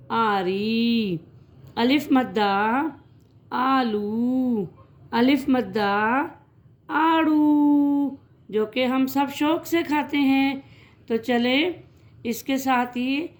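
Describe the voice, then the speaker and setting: Gentle woman teaching children to read. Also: fairly high pitch. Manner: slow drawn-out syllables, then quick explanations; gentle, calls listeners "beta". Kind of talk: children's reading lesson.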